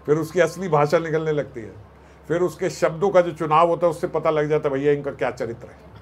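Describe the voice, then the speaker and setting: A man telling a devotional katha as a sermon, animated, acting out voices and joking with listeners. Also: on the high side, a little fast. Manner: animated, acts out voices and jokes with the audience. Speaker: katha storyteller.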